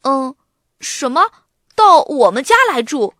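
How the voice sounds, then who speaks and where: A woman voicing an anxious young boy aardvark who gets excited and stammers when upset, in a children's storybook reading. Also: high voice, slow pace, no room sound, clean studio sound, pitched above the performer's own voice, exaggerated voice. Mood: flustered.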